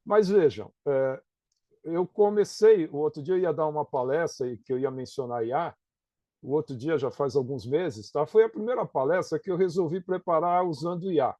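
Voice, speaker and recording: A man's voice: a little high, moderate pace, dark tone, dry recording. A middle-aged man with a Brazilian Portuguese accent, a professor explaining things in an interview, often checking in with "né?" and "tá?". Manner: conversational, tags points with "né?" and "tá?".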